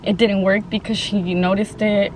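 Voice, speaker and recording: A woman chatting casually and haltingly to viewers in slangy, informal speech while eating, sometimes with her mouth full. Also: medium pitch, level tone, darkish tone, poor audio. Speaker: mukbang vlogger. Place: open-top Jeep outdoors. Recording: clear car and outdoor ambient noise.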